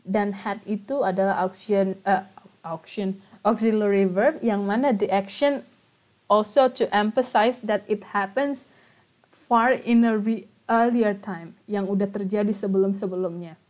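A woman's voice: mid-range voice, fairly even intonation, normal speed, darkish tone. A woman with an Indonesian accent teaching English grammar in an online class. She switches between English and Indonesian and keeps asking the students questions. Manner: mixes Indonesian explanations into English, chatty, asks the class questions.

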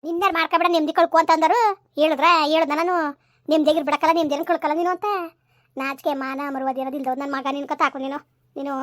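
A furious village mother in a rural comedy skit, acted by a woman. She fires off repeated insults at her son at a breakneck pace in a high, piercing voice. The recording is dry and close. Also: no echo, close to an everyday voice. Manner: rapid-fire scolding, repeated insults.

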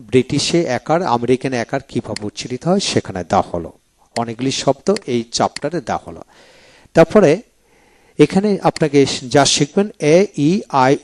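Man, video lecture, English pronunciation teacher, animated pitch, repeats example words. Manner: explains step by step, repeats example words slowly, often says "then come". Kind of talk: video lecture walking through a book.

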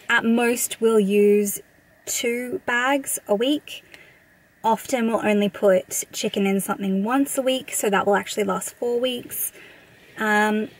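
In a medium-pitched voice, an Australian vlogger in her thirties casually walks through her grocery haul from a parked car, listing what everything cost in a matter-of-fact manner.

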